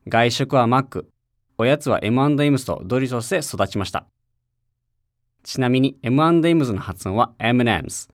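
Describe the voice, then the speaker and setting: A man narrating a scripted language lesson for an audio CD, with an ordinary mid-range pitch. He speaks with a friendly teacher's patience, encouraging listeners to repeat after him. The sound is close and dry, with no room echo. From Japan. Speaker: English teacher.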